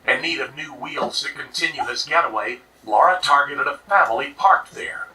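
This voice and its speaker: A man giving scripted true crime narration in a steady, serious way, played back from a video. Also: fairly high pitch, moderate pace, recorded from a distance, a little hiss or hum, poor audio. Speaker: documentary narrator.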